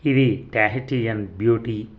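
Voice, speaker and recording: A man voicing a smooth, persuasive young male photographer who turns curt and commanding. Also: lowish voice, measured pace, phone-quality sound, natural voice. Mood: coaxing. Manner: coaxing, then curt and commanding.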